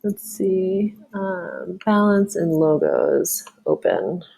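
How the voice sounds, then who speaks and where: A woman teacher walking through a software tutorial, talking casually and thinking aloud with frequent ums. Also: on the low side, wildly swooping pitch, drawn-out words, vocal fry, husky. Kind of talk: screen-recorded software tutorial.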